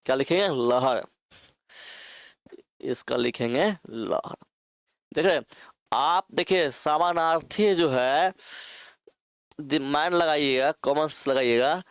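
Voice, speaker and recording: A man teaching an exam-prep lesson, repeating each word slowly as he writes it out. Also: fairly high pitch, smooth, no room sound, clean studio sound. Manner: repeats words slowly while writing them out.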